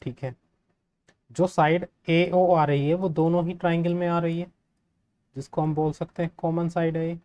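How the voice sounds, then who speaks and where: A man teaching a geometry proof step by step, friendly, often asking the class quick checking questions. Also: fairly high pitch, level tone, darkish tone, clear, resonant tone, highs cut off. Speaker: maths teacher.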